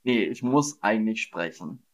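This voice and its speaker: A man teaching German on a live stream, slowly and patiently repeating words and praising his viewers. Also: fairly low pitch, animated. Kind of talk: live-streamed vocabulary quiz. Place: streaming setup at home.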